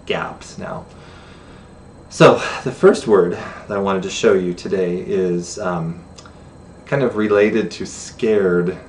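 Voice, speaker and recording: A man's voice: lowish voice, darkish tone. Chatty man teaching sign, heard from a distance. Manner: chatty, self-deprecating, laughs at himself. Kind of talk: friendly beginner lesson to camera. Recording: distant camera mic with faint room noise.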